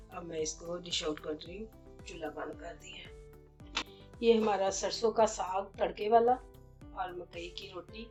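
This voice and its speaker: A woman hosting a cooking channel, giving homely step-by-step recipe instructions to her viewers. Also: medium pitch. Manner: homely, explains each step plainly to viewers. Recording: far from the mic with faint music.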